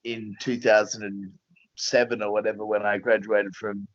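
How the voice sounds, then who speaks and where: A man's voice: on the low side, flat delivery, moderate pace, no echo, highs cut off. A man talking as a fight coach in a casual interview, blunt and plain-spoken.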